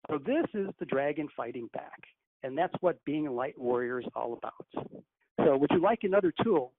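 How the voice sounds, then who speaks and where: A man leading a guided breathing meditation as a channeler on a group call, speaking in a measured, commanding, instructive way. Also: a little high, animated. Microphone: conference call phone. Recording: tinny phone line with faint hiss.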